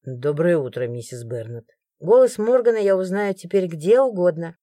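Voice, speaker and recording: Low hushed guard guy, polite but stern, quiet and dry, woman doing the voice. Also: lively intonation, moderate pace, dry recording, close to an everyday voice. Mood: cool polite. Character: stern young male city guard, polite and cool. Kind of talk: audiobook character voice.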